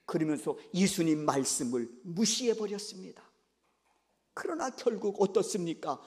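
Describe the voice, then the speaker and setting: A male pastor preaching a sermon in an animated style, acting out scripture scenes, in a church sanctuary. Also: sits high, normal speed. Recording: echoey church hall.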